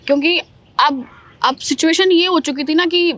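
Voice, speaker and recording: A young woman, a podcast guest, telling a personal ghost story in an animated, emphatic way. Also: very high voice, moderate pace.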